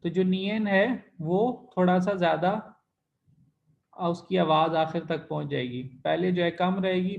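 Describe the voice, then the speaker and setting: A man teaching an online language class, explaining step by step and demonstrating tones by slowly repeating syllables. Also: high-pitched, creaky, highs cut off. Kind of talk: recorded online class lesson.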